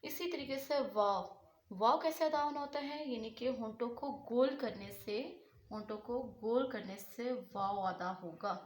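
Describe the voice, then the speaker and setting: Woman teacher in an echoey room. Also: a little high. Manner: repeats her own questions and answers them. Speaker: Quran recitation teacher. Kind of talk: explanatory tajweed lesson.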